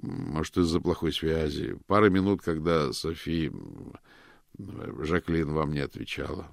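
Мужик за спокойного вежливого детектива, низкий голос, хрипотца. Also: male voice, a bass voice, unhurried, gravelly, no echo, clean studio sound, heavily acted. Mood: calm. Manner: calm, polite, patient. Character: calm polite male police detective.

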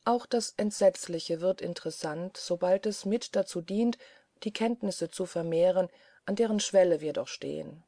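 A woman reading a serious male assistant, storybook, dry and hushed, mellow, close and dry sound. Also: dry recording. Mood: grave, hushed. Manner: dry, measured, lowered voice. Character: earnest older male scholar's assistant, grave and mysterious.

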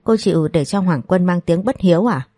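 A woman's voice: lowish voice, expressive, fairly quick, dark tone, dry recording, studio quality, soft background music. A woman voicing a spiteful, scheming young woman who sneers and insults her rival.

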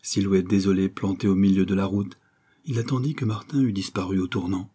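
A man narrating a novel as an audiobook in a measured, expressive reading. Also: deep voice, husky. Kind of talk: scripted literary narration.

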